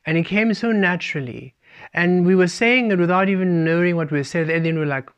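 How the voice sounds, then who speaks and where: A man giving a spiritual talk, speaking of himself as "we" and shifting between playful and calm. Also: high voice, fairly quick, clear, resonant tone. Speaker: spiritual teacher. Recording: dull lo-fi recording.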